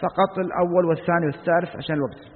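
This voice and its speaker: Fervent sheikh in a hall. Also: male voice, fairly high pitch, steady tone, rapid-fire. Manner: fervent, rhetorical questions, Gulf colloquial. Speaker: sheikh explaining a text. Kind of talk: religious lesson commentary. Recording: lo-fi phone-like lecture recording with long hall reverb.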